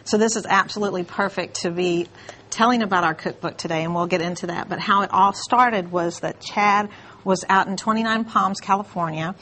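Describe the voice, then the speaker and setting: A middle-aged woman tells her story on a morning TV show, animated and expressive. Her voice sits at an ordinary middle pitch. Faint background noise hangs behind her. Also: a little fast. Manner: animated storyteller, acting out quoted dialogue. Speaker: guest, breast cancer survivor and cookbook organizer. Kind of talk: morning TV interview.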